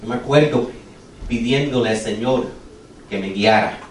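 A man's voice: mid-range voice, moderate pace, roomy sound, distant mic, slight background noise, poor audio. A man preaching a sermon, telling a personal testimony with earnest, urgent storytelling. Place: church sanctuary.

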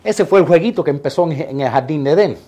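Animated high-voiced male preacher. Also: fast talker. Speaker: pastor. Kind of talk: sermon.

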